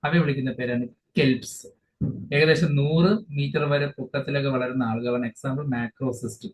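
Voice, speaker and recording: A man teaching an exam-focused biology lesson, explaining each English term again in his own words and often pausing mid-phrase. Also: mid-range voice, steady tone. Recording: dull lo-fi sound with faint hiss.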